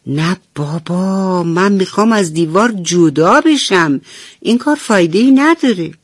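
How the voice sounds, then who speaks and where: A woman's voice: lowish voice, lively intonation, no echo, clean studio sound. A woman voicing a tired old worn-out nail that is stuck in a wall and complains wearily, in a radio bedtime story. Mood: weary. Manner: weary, complaining.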